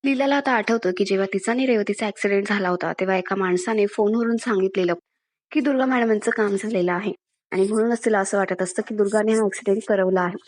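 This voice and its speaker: Woman doing a serial recap, just steady storytelling in her everyday voice. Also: mid-range voice, quick pace. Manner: steady retelling of events. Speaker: serial reviewer. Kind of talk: episode recap narration.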